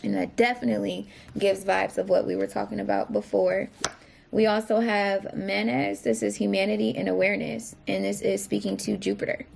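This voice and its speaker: A tarot reader gives a casual reading in a mid-range, darkish voice with vocal fry, little pitch movement and normal speed. She rambles, corrects herself, uses plenty of fillers and often asks the viewer whether it makes sense.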